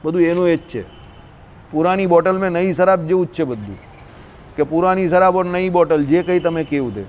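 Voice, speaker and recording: A man's voice: a little high, brisk, slight background noise. A man, teaching scripture in a scolding, colloquial way, full of rhetorical questions. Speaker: religious teacher. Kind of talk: scriptural discourse.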